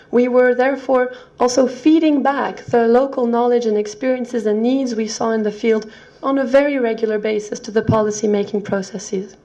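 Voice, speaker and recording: A woman with a hoarse, croaky voice that is giving out, presenting at a conference. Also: on the high side, mellow, dull audio. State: hoarse, croaky, losing her voice. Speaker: conference speaker, nutrition officer.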